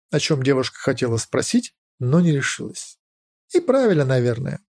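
A man reading fiction as an audiobook narrator, in a dramatic, expressive storytelling manner. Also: on the high side, dry recording, studio quality.

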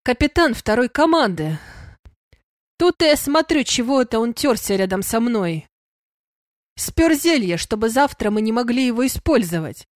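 A woman's voice: fairly high pitch, sing-song, normal speed, dry recording, clean studio sound. A woman reading the part of a confident, affectionate young male werewolf in an audiobook, speaking eagerly and with emphasis. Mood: earnest. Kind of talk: audiobook character voice.

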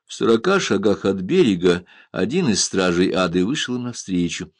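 A man narrating an adventure novel aloud in a measured, expressive reading. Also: low-pitched, no room sound, studio quality. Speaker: audiobook narrator. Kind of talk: scripted narration.

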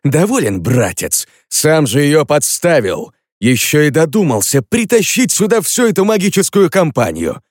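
A smug male rival taunts and mocks in a louder, raised voice, as the narrator plays him. It stays a man's voice, recorded close and dry in a storybook reading. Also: fairly high pitch, big pitch swings, moderate pace, no room sound, voice pushed up. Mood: taunting. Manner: mocking, loud and taunting.

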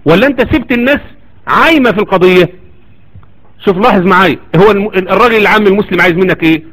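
A man with an Egyptian Arabic accent delivers a religious lecture at a rapid clip. His voice sits high, and he presses his argument with one rhetorical question after another. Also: a bit bright, low-quality recording. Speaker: Islamic lecturer.

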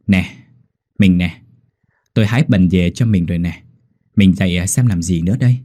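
A man voicing a gentle, puzzled rural husband, coaxing and fussing. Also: sits low, moderate pace. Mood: tender.

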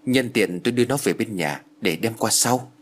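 A man voicing a quick-witted, hot-tempered middle-aged aunt in a spoken horror story. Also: on the low side, close to an everyday voice. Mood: wary. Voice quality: blunt, impatient.

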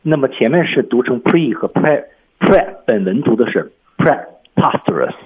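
A male English teacher with a husky voice, patiently explaining words in a radio lesson over a tinny phone-like line. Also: medium pitch, lively intonation, unhurried.

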